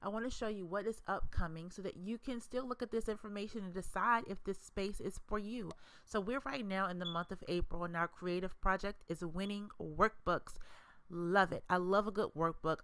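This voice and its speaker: A woman hosting a mastermind program, who pitches it with enthusiasm, stacks up emphatic adjectives and speaks straight to the listener. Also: a bit bright, dry recording. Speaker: educator and mastermind host. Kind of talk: promotional presentation.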